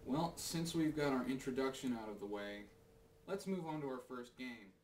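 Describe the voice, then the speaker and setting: A man hosting a casual game review, speaking with a box over his head in halting short phrases with asides. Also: medium pitch, expressive, a little mellow, echoey room, distant mic, slight background noise. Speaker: game reviewer and host of the show. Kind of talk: casual scripted-style game review to camera and over gameplay.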